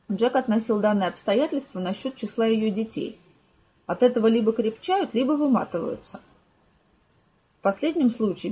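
A woman reads an audiobook in an even, measured storytelling manner. Her voice is mellow and dark. It has a soft husky grain. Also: a little high, poor audio. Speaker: audiobook narrator. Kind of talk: scripted narration.

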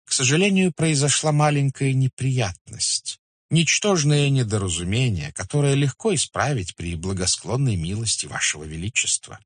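A man's voice: medium pitch, animated, normal speed, breathy edge, dry recording, voice pushed up. A man voicing an obsequious older merchant elder who speaks in a flowery, deferential, pleading way, read as an audiobook character. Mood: servile.

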